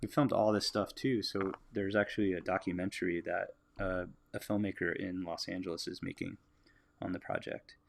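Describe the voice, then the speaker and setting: A lowish, gravelly American male voice talks casually as he works on a drawing. He muses aloud and answers viewers' comments in a relaxed, easygoing way. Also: moderate pace, a little hiss or hum. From United States. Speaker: artist livestreaming a drawing.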